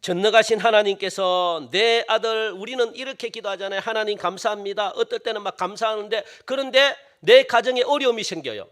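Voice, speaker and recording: A man preaching a sermon as pastor, animated and firing rhetorical questions at the congregation. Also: high-pitched, fairly quick, hardly any pauses.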